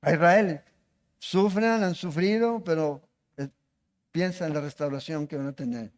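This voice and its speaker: A man's voice: a little high, a little slow. A man preaching a sermon as pastor, asking the congregation questions as he goes. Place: church hall. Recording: long reverb of a church hall.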